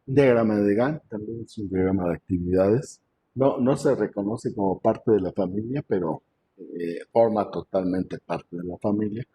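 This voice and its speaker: A male professor teaches over a video call in a mellow, low-pitched voice. He talks conversationally, with lots of fillers, and often clears his throat. A faint hiss sits under his voice. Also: normal speed. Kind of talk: online class lecture.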